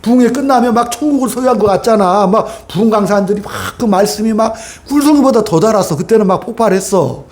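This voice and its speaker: A man preaches in a high-pitched yet soft, mellow voice, filling a reverberant church sanctuary. His sermon feels like a conversation, and he keeps prompting the pews to agree. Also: fast, few pauses. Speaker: pastor. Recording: echoey church room.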